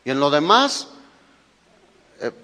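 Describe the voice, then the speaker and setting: A man's voice: fairly high pitch, big pitch swings, takes it slowly, bright, forceful tone. A man with a Mexican Spanish accent preaching a sermon as a pastor, emphatic and full of rhetorical questions to his listeners. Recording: echoey hall recording.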